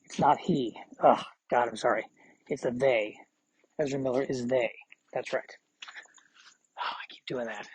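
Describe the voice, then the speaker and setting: A man's voice: medium pitch, measured pace, pauses often, a little mellow, husky, no echo, low-quality recording. Rambling, self-deprecating forty-year-old man. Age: 40s. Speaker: podcast host. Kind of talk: casual solo podcast monologue.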